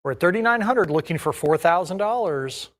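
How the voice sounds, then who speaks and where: Higher-pitched male auctioneer calling bids. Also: expressive, a little fast. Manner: repetitive chant of numbers and bid increments.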